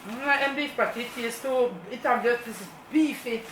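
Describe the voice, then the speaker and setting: A woman with a Jamaican accent and a fairly high-pitched voice talks at normal speed, chewing as she chats casually about food. She's a mukbang co-host, recorded on a distant mic with roomy echo and faint noise.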